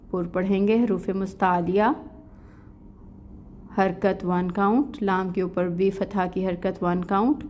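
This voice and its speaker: A woman's voice: on the low side, a little mellow, a little hiss or hum. A woman with a Pakistani Urdu accent teaching an online tajweed lesson, explaining rules step by step in plain speech. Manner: slow melodic recitation of verses, then plain explaining.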